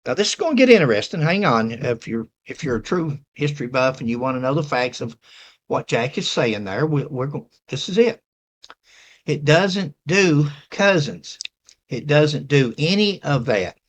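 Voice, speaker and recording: A man's voice: on the high side, big pitch swings, normal speed. A man with an Appalachian accent hosting a casual, rambling talk to viewers and reading messages aloud. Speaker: host.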